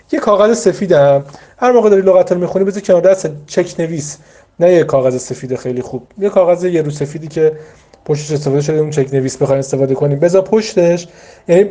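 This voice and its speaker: A man's voice: a little high, dark tone. A man teaching vocabulary, giving patient, informal study advice straight to his students and repeating his key points step by step. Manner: patient, repetitive, explains step by step with many asides; addresses students directly and encouragingly.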